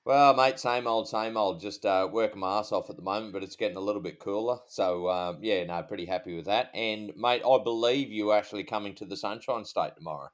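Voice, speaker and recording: A man's voice: lowish voice, fairly quick, hardly any pauses. A middle-aged Australian man chatting casually as a podcast co-host in a blokey, matey, slangy way. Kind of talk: casual chat.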